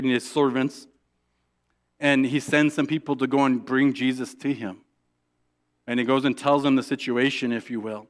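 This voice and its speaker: A man's voice: mid-range voice, clear, resonant tone. A male pastor preaching a sermon in a conversational way, often asking "right?" and restarting his sentences. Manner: acts out quoted prayers in a soft, hushed voice; halting restarts and repeated words.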